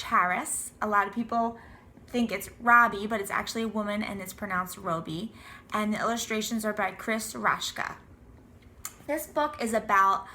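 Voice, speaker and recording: Woman in her 30s, book reviewer and host, clear bright tone, earnest and explanatory. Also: a little high, slight background noise. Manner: earnest, explanatory, occasional ums. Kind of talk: prepared book review to camera.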